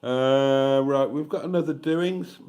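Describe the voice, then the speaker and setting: Male streamer, 50s, mid-pitched, frank and foul-mouthed, drifts off on tangents while reading comments. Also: slow, a little mellow. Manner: blunt, candid and sweary, rambling asides. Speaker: livestream host. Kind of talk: casual live-stream chat reading comments.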